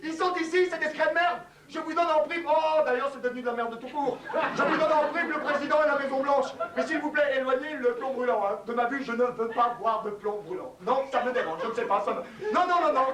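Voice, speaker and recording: A man's voice: high voice, lively intonation, fast talker, recorded from a distance, a crowd in the background. A man playing a pompous, boastful patriotic captive who brags of loyalty and breaks into frantic pleading. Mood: panicked. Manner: pompous bragging, turning into frantic panicked pleading. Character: boastful patriotic male captive who cracks under torture. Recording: echoey theatre hall.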